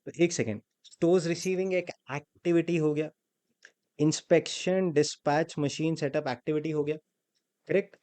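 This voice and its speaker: In this classroom lecture with call-and-response, a man runs an accounting class, firing questions at students and getting them to reply out loud. He speaks Hindi mixed with English terms, his voice a little high and a little mellow, with fairly even intonation at a normal speed.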